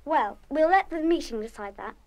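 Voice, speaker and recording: A woman's voice: sits high, expressive, normal speed. An actress playing a bossy senior schoolgirl monitor in a children's radio play, speaking in an emphatic, prefect-like way. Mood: stern, scolding. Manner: scolding, emphatic. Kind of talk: 1970s full-cast children's radio play acting.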